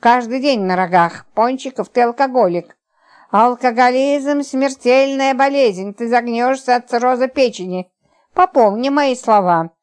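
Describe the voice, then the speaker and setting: A brash, scolding neighbor wife , played by a woman reader, loud and coarse. Her voice rides high, and she drawls some words for effect. It is storybook comedy acting. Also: unhurried, close to an everyday voice. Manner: brassy, scolding.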